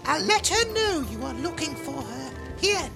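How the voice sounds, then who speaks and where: A man voicing a young female tavern barmaid in a high falsetto during a tabletop game. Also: big pitch swings, moderate pace, full character voice. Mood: friendly. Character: flustered young tavern barmaid, eager to help. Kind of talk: tabletop game role-play. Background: background music.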